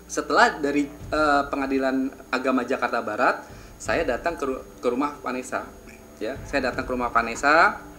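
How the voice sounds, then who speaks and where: An older man recounts events in an interview, stumbling and restarting as he goes and rising in pitch when agitated. The room rings with echo, and music plays clearly beneath him. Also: bright, forceful tone. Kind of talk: emotional interview retelling. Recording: echoey room with background music.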